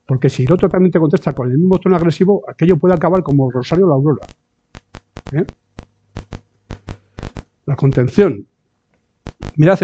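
A man delivers a sermon in a conversational way, his voice pitched a little high yet mellow in tone. He keeps asking his listeners short tag questions and now and then acts out the voices of the people he quotes. The recording sounds dull and lo-fi. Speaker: preacher.

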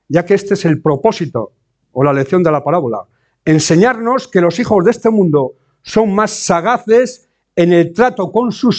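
A man preaching a sermon, often asking rhetorical questions and slowing down to stress key words. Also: on the high side, mellow. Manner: rhetorical questions and tag checks like eh and no. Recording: dull lo-fi sound.

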